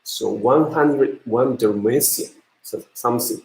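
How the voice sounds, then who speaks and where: A man with a Japanese accent lectures slowly to his students, pausing often and restarting his sentences. His voice sits at a middle pitch, and it rings in a noticeably echoey room. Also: vocal fry, a little mellow. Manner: hesitant, many fillers and restarts. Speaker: university lecturer. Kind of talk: online lecture.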